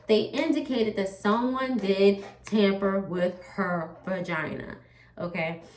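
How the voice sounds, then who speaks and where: Taking her time at a medium pitch, a woman vlogs while applying makeup against a noisy background. She casually rambles to viewers, calling them "you guys" and using lots of "like" and "you know," her voice off-mic in an echoey space.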